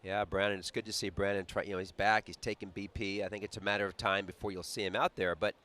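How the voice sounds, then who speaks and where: A man's voice: deep voice, fast talker. Chatty man calling a baseball game. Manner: chatty, animated storyteller with a laugh. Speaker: play-by-play announcer. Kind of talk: baseball broadcast commentary.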